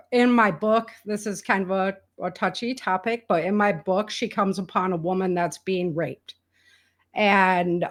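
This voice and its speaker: Appearing as a guest in a casual conversation, an indie author and entrepreneur from rural America tells candid stories in everyday slang, often quoting people along the way. Her voice sits at a middle pitch.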